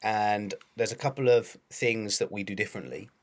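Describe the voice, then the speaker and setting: A man's voice: fairly low pitch, normal speed. A man with a southern English accent who says th as f and uses glottal stops, chatting casually as he teaches English. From south of England. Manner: th-fronting, says th as f or v. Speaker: English teacher, podcast co-host. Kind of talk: casual educational chat.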